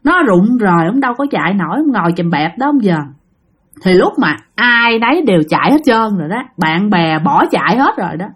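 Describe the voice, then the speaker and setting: A woman with a Southern Vietnamese accent telling a ghost story in a casual, animated way, speaking directly to her listeners. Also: mid-range voice, a little fast, husky.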